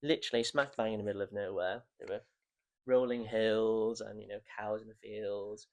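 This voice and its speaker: A man's voice: lowish voice, steady tone, normal speed, a little mellow. A man in his twenties from Northern Ireland, his Northern Irish accent faded, chatting easygoingly as a podcast guest with dry humour. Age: 20s. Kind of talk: casual podcast chat.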